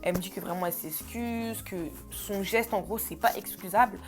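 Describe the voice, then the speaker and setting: A young woman vlogger tells a personal story in a loose, chatty way, packed with slang and fillers. She talks quickly at a middle pitch. Soft music sits faintly behind her. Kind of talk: casual storytime.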